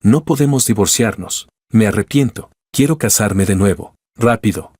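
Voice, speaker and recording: A man's voice: fairly low pitch, moderate pace, darkish tone, breathy edge, dry recording, clean studio sound. A man voicing a desperate, tearful young wife who pleads with her husband, read in a storybook narration. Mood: pleading.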